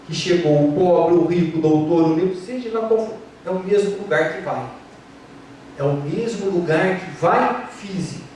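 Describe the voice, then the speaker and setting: A man's voice: sits high, darkish tone, a little hiss or hum. A Brazilian man, a physician, giving a lecture on spirituality and health, firing off rhetorical questions and acting out complaining patients. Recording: echoey hall recorded from far off.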